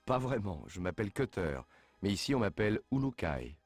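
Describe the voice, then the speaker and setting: A sardonic, laconic game hero. The voice is deep and recorded close and dry, with faint music behind. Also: male voice, sing-song, brisk, darkish tone, no echo. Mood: wry. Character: wry, laconic male action hero stranded among aliens. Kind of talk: French video game dub acting.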